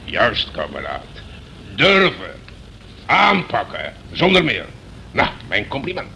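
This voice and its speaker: In a radio play, an actor voices a pompous, blustering old retired general who repeats himself while reminiscing, hearty and admiring in mood. His fairly low voice swoops wildly in pitch at a slow pace, pushed and bright, in a full character voice. The creaky radio drama recording carries background hiss.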